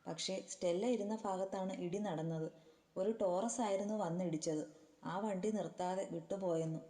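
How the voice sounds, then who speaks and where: A woman's voice: on the low side, steady tone, moderate pace, mellow, close to an everyday voice. A woman voicing an urgent, frightened young woman breaking bad news, with a long reverb on the recording. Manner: urgent, sobbing.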